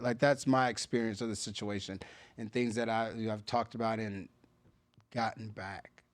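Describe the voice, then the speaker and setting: A man co-hosting a podcast in casual chat, heated and profane, often trailing off. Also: medium pitch. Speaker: podcast co-host.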